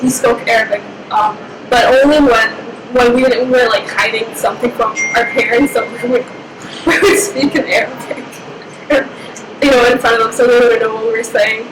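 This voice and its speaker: A nineteen-year-old woman who grew up in Egypt and speaks Somali as her first language, telling her story in an interview in a reflective, unhurried way. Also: a little high. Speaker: interviewee, university student. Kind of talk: personal interview. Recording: echoey room with steady background noise.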